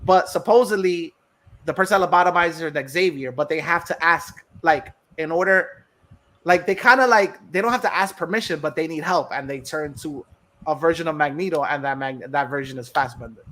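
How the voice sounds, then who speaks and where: A man in his thirties co-hosting a podcast, ranting in a profane, animated casual chat. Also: fairly high pitch, brisk. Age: 30s. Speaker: podcast co-host.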